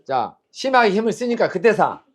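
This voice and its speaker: A man's voice: high-pitched, big pitch swings, moderate pace. A man teaching Chinese characters and tones, quizzing his students and drilling sounds aloud in a call-and-response lecture.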